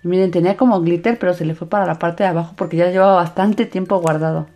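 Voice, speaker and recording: A woman's voice: fairly low pitch, fairly even intonation, fast, warm tone. A woman narrating a hands-on craft video for children in an enthusiastic, sing-song way. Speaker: host of a slime craft channel. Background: background music.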